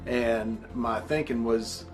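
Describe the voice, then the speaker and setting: A middle-aged man speaks in a measured, explanatory way, recounting as a firefighter in a documentary interview. His pitch is average, with soft music underneath. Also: fairly even intonation. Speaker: firefighter, company officer. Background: background music.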